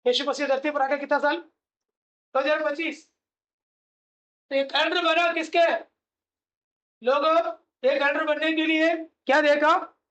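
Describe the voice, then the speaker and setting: A man's voice: extremely high pitch, little pitch movement, a little slow, pauses often, sharp tone, highs cut off. A male pastor preaching a sermon, asking rhetorical questions, answering them himself and repeating key phrases.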